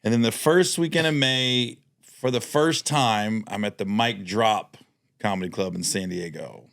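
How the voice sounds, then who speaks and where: Gravelly man telling stories on a podcast. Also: lowish voice, unhurried, no echo, studio quality. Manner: animated storyteller, acts out quotes in a jumped-up voice. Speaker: podcast co-host, comedian. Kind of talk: casual chat.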